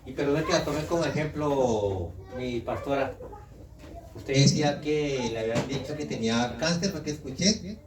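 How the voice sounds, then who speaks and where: A man with a Colombian accent preaching a lively sermon, asking the congregation questions and acting out quotes. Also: medium pitch, normal speed, crowd noise. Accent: Colombian Spanish. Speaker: visiting pastor. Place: church hall. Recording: echoey hall, mic far off, congregation audible.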